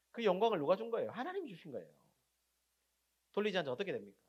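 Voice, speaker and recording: A male pastor preaching a sermon, putting questions to the congregation and answering them himself, and swinging from loud emphatic lines to very quiet endings. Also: high-pitched, highs cut off.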